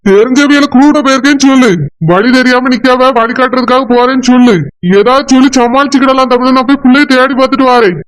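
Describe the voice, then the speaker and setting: A woman voicing a worried, gentle middle-aged village father with a Kanyakumari Tamil accent in a cartoon. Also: high-pitched, steady tone, close to an everyday voice, low-quality recording. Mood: reassuring. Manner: anxious, reassuring, rapid. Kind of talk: cartoon voice acting.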